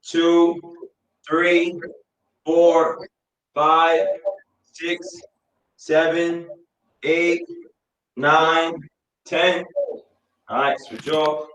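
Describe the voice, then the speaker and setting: A man coaching like an aerobics instructor, counting reps, calling out exercises and shouting encouragement. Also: fairly high pitch, flat delivery, extremely slow, long pauses. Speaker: fitness coach. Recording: echoey room, distant mic, faint noise.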